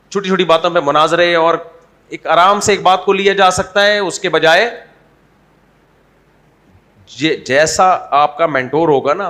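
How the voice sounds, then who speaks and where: A man's voice: a little high, a bit bright. A man preaching an Islamic sermon in a conversational, humorous way, asking the audience rhetorical questions. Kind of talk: Urdu sermon.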